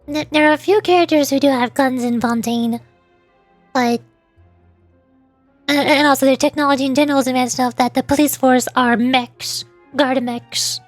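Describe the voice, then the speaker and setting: With game music running underneath, a woman streams a video game and voices along with it, chatting playfully and musing aloud with some hesitation. She speaks at a normal speed in a high voice with fairly even intonation, and the recording itself is dry.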